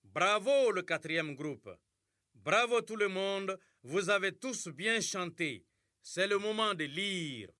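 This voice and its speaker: A man teaching a class, giving clear and encouraging instructions. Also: high-pitched, animated, takes it slowly, pushed and bright.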